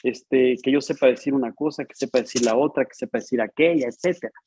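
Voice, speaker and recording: A man's voice: mid-range voice, quick pace, darkish tone, a little hiss or hum, low-quality recording. A man preaching a sermon in a conversational, storytelling way, acting out the dialogue. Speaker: pastor.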